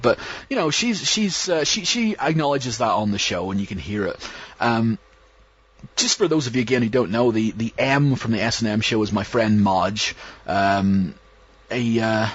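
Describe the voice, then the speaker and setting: Introducing an interview, a podcast host rambles loosely with many restarts and fillers. His fairly low, slightly rough voice is animated at a moderate pace, and the sound is dull.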